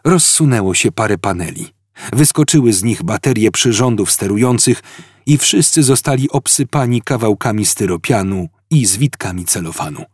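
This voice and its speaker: Male audiobook narrator, expressive and dramatic, husky, dry close sound. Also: on the low side, normal speed, dry recording.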